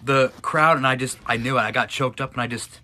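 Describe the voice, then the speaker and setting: A male live streamer, one of a couple, chats casually with his wife about an awards trip while answering follower questions. His medium-pitched, sharp voice runs a little fast, and he grows emotional, tearful and choking up as he talks.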